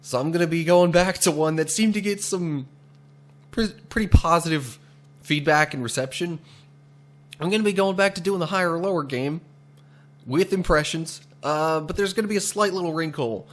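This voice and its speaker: A man hosting a video, chatting casually to his viewers. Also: on the high side. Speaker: video host.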